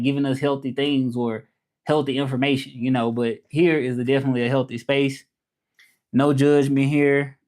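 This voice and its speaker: A man in his thirties from Memphis, Tennessee, with a Southern accent, hosts a casual livestream chat; he's also a French teacher. His mid-range voice is a little mellow, clear, and resonant. He talks loosely and repetitively, greeting viewers and urging them to subscribe.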